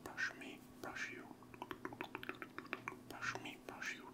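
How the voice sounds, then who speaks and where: A young man whispering close to a small earphone mic as the host of a fast, aggressive lo-fi ASMR video. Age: young adult. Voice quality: whispered, unvoiced. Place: small indoor room at home. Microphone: small earphone mic held close to the mouth.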